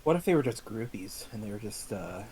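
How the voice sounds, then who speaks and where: A man's voice: lowish voice, very animated, a little fast, darkish tone, slight background noise, poor audio. A man playing a tabletop game in casual chat, hesitant and full of "uh"s. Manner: hesitant, many "uh"s. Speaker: player.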